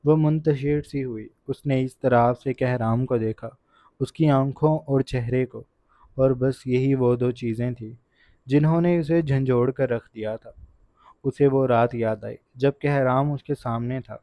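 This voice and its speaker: A man's voice: medium pitch, warm tone, no room sound. Man narrating a dramatic romance novel. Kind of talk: audiobook narration. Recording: dull, dry lo-fi recording.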